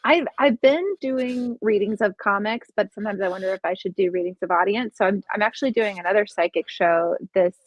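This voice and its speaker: A woman's voice: mid-range voice, a little fast, few pauses, no room sound, low-quality recording. A young woman, a guest on a podcast, talking casually about her psychic readings, musing aloud and hunting for words. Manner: musing, searching for words, many restarts.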